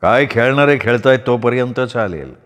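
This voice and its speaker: A man voicing a brooding middle-aged village landlord who speaks in steady, measured tones. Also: mid-range voice, lightly acted. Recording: long reverb.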